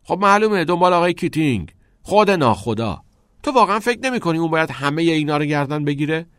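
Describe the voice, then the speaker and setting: A man's voice: a little high, expressive, no echo, clean studio sound, pitched above the performer's own voice, natural voice. A man voicing a smug, self-serving teenage schoolboy who talks in a pushy, mocking way. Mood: sneering.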